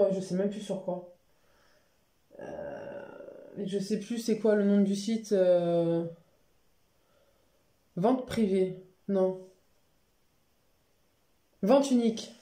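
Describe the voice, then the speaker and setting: A woman talking casually and frankly in a home haul vlog, chatty and quick to laugh. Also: mid-range voice, warm tone. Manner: chatty, frank, laughs easily, many fillers. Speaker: beauty vlogger. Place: home living room by a Christmas tree.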